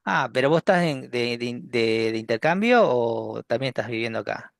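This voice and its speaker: A man with a Rioplatense Spanish accent lecturing a university class over a video call, relaxed and joking, with many restarts and tag questions. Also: medium pitch, normal speed, creaky, no echo, studio quality.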